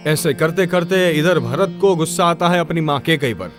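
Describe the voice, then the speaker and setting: High-voiced male preacher telling a story. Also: moderate pace, soft background music. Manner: expressive, switching into acted voices. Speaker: Jain monk preacher. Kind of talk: storytelling sermon.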